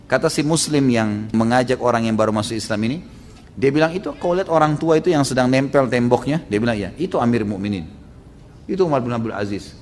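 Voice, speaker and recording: A man's voice: mid-range voice, fast talker, a little hiss or hum. Man preaching a story in a reverberant hall. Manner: animated storytelling, voicing quoted figures. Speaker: Islamic preacher. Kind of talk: sermon storytelling.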